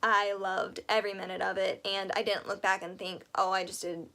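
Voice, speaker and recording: A woman's voice: medium pitch, level tone, normal speed, gravelly, bright, forceful tone. A young woman hosting a casual advice vlog, chatty and enthusiastic, rambling into asides, her voice a bit worn as she says she is losing it. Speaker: vlog host.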